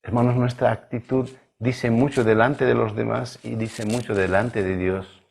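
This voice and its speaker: A male pastor from Bolivia preaching a sermon in a measured, emphatic way, drawing out key words. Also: mid-range voice, level tone, creaky, a little mellow, husky. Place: church livestream.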